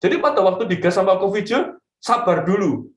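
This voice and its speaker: A man preaching a casual youth sermon, chatty and animated, dropping slang and English asides to his young listeners. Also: sits high, brisk, echoey room.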